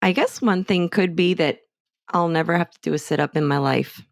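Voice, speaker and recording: A woman's voice: fairly low pitch, fairly quick, vocal fry, dry recording. Candid, chatty middle-aged woman. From Hawaii. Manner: candid, chatty, self-assured. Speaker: interviewee, clinic staff member. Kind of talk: casual interview.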